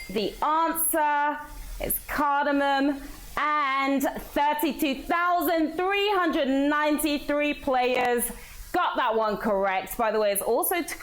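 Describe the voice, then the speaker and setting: A woman hosting a live trivia game show, energetic and playful, with a sing-song delivery. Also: high voice. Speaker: quiz show host. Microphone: played through a phone app. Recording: background music from the app.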